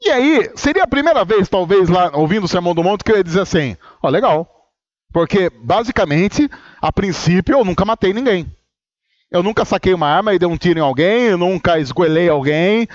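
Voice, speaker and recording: A man's voice: high-pitched, lively intonation, fairly quick, no echo, highs cut off. A man from Brazil, a pastor giving a humorous, conversational sermon and acting out his own inner dialogue.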